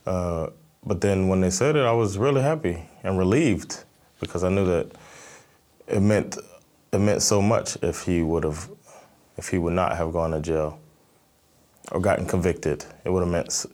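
A man with a very low voice and an American accent answers interview questions. He speaks thoughtfully, pausing and restarting often as he works through his points. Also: a little mellow. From Miami, Florida, USA. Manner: thoughtful, halting, many fillers and restarts. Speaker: stand-up comedian, interview guest.

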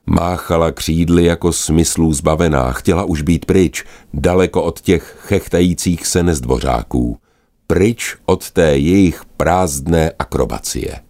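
A man narrating a children's animal story in a gentle, expressive manner. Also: extremely low pitch.

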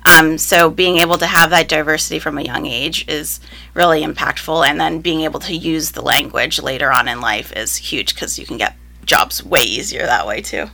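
This interviewee is a young first grade teacher who grew up speaking Spanish, her first language, alongside English. Her answers are casual and upbeat and sprinkled with ums and likes, delivered in a low-pitched, gravelly voice at a moderate pace with a bright, forceful tone.

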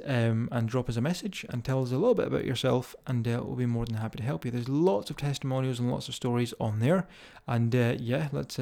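Strong Scottish accent, male fitness podcaster, gravelly creak, mid-pitched, informal, speaking straight to listeners. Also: mellow. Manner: informal, directly addressing listeners. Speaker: fitness coach hosting a podcast. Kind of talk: casual motivational podcast talk.

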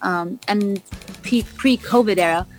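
A woman's voice: medium pitch, a little slow, soft background music. A woman raised in Canada answering radio interview questions about her cookbook, talking in an enthusiastic way with frequent "um"s and restarts. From raised in Vancouver, Canada. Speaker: cookbook author, interview guest.

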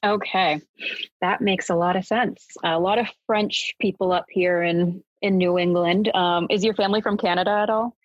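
A woman with a lowish, husky voice hosts a casual interview, friendly and laughing often. The audio is dry and dull, like a lo-fi recording. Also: fairly even intonation, moderate pace, no room sound. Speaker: podcast host.

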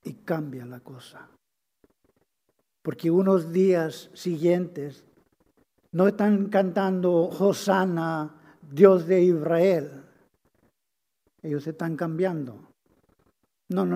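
A pastor preaches in a high, mellow voice, moving from hushed low passages to loud proclamations and repeating his key phrases. He speaks slowly and sometimes stumbles over a word. A long reverb from the church hall trails every line. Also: steady tone. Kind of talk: sermon.

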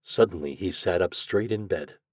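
A man's voice: low voice, moderate pace, husky, dry recording, studio quality. A man reading a children's storybook aloud, narrating expressively. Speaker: story reader.

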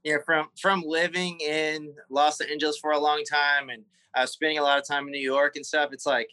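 A man with a Southern US accent, a guest in a personal interview, talking haltingly with many fillers and repeated words. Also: fairly high pitch, flat delivery, bright, forceful tone, clear, resonant tone, dry recording, low-quality recording. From South Carolina.

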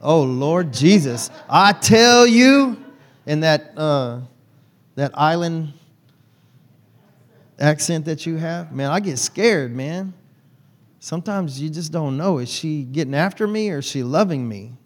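Speaking unhurriedly and pausing often, a man with a voice on the high side delivers a folksy church sermon. The pastor talks with his congregation conversationally and teases them by name.

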